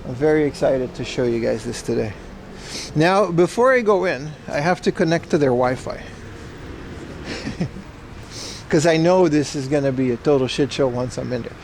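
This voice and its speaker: A man's voice: a little high, moderate pace, pauses often, darkish tone, a little hiss or hum. A man talking into a livestream headset mic, rambling casually outdoors as a live-stream host. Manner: rambling, laid-back, swears casually. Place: outdoors in a city, near a parking garage.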